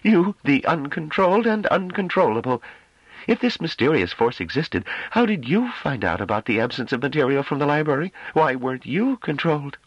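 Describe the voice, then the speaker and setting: A man reading an audiobook, voicing a cold, contemptuous woman on a ruling council, with sharp, clipped delivery. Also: fairly high pitch, very animated, moderate pace, husky, no echo, dull audio, pitched above the performer's own voice. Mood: scornful. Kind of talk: audiobook character voice.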